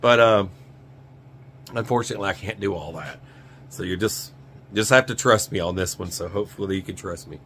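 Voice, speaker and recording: A middle-aged American man hosting a survival channel talks casually about a product in his cramped, cluttered indoor workshop, rambling folksily and repeating himself for emphasis. His voice is on the low side and a bit bright, a little fast with long pauses, over clear background noise and hum.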